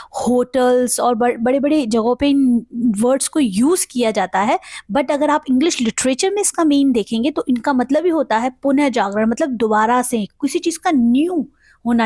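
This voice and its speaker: High-voiced Indian woman teaching words. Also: a little mellow, dry recording, clean studio sound. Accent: Indian English. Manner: explains in Hindi, reads English examples slowly. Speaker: vocabulary teacher. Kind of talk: online vocabulary lesson.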